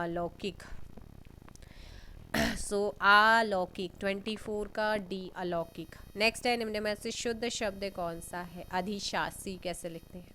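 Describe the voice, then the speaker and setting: A woman teaching an exam-prep lesson, reading out questions and giving answers, often clearing her throat. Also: mid-range voice, bright, forceful tone, a little hiss or hum. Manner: unhurried, reads questions then gives answers, frequent throat clearing.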